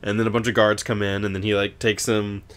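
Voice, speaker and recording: A man's voice: lowish voice, level tone, fast talker, slight background noise. A man co-hosting a book podcast, recapping chapters in a rambling, profane way with frequent laughs. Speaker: podcast co-host. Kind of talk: casual book discussion.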